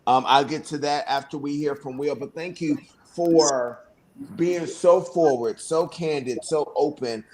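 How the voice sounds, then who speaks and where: A man's voice: on the high side, measured pace, darkish tone, a little hiss or hum. A man hosting a livestream panel on a video call, affirming and encouraging his guests. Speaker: host.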